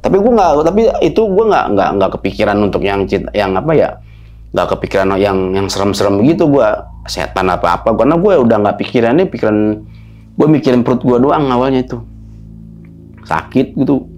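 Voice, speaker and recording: A man tells a story as a guest in a casual, halting way. He repeats himself and sometimes sinks to a hushed whisper, his voice mid-pitched. Soft music runs faintly behind him. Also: big pitch swings.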